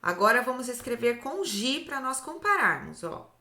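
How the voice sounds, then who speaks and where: A Brazilian Portuguese woman teaching phonics to young children, stretching out syllables slowly and checking in after each point. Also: a little high, very animated, pushed and bright, echoey room. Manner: slow, drawn-out syllables, often ends with "tá?". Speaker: literacy teacher. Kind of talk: slow, clear phonics lesson for children.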